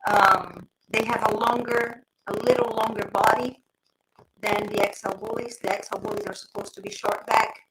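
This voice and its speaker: An animated woman guest explains her breed over a video call, often starting over mid-sentence. Her audio comes through choppy from a weak internet line, and her pitch sits at an everyday middle. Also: moderate pace, background noise. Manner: animated, explains with many restarts. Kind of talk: casual online interview.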